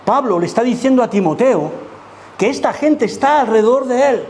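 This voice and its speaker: A man's voice: very high-pitched, animated, fairly quick, darkish tone, slight background noise. A man from preaching a sermon as pastor, emphatic and full of rhetorical questions to the congregation. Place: church.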